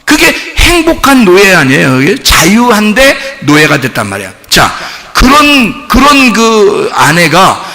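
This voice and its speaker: A male pastor preaching a lively, conversational sermon in a church, often slipping into the voices of the people he describes. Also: sits high, a little slow, hardly any pauses. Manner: animated, acts out voices of spouses in quoted asides. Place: church sanctuary. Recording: long church hall reverb.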